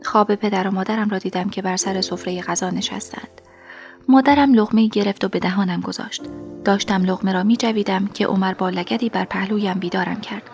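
Woman narrator for a first-person audiobook; soft, half-whispered reading at a middling pitch. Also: fairly even intonation, faint music behind.

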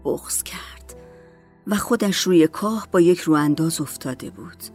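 A woman reads a story aloud as an audiobook, calm and measured. Her voice sits on the low side, with faint music running softly behind. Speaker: narrator. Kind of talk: audiobook narration.

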